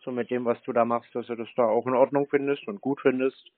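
Chatting on a call at a quick pace with a medium pitch and steady tone, this man, a scam-baiter, sounds completely unbothered and nonchalant while dryly provoking. It's a casual phone conversation, recorded dry with a narrow, phone-like quality.

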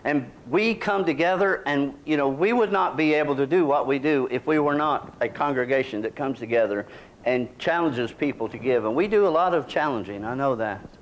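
A man's voice: mid-range voice, normal speed. A middle-aged man, preaching a sermon in a small church in a folksy, conversational way. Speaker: pastor. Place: small church sanctuary, indoors.

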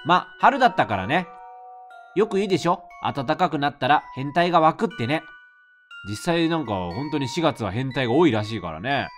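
A man streaming a horror novel game, reacting with quick joking asides between reading. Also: on the high side, big pitch swings, fairly bright tone, faint music behind. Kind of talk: let's play commentary.

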